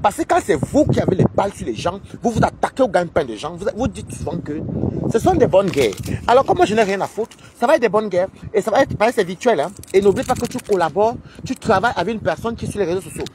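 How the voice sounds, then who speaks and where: A man's voice: high-pitched, sing-song, fast, background noise. A man filming a casual vlog in an office building, delivering an indignant, repetitive warning to his online viewers. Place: office building, walking to get coffee.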